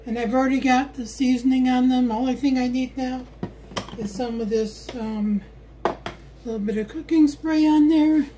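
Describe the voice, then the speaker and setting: A woman's voice: sits high, fairly even intonation, moderate pace, noisy background. A woman talking viewers through her home cooking in a homey, chatty way, recorded on a phone in her kitchen. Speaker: home cook vlogger. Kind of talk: casual cook-along narration. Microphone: phone camera held while cooking.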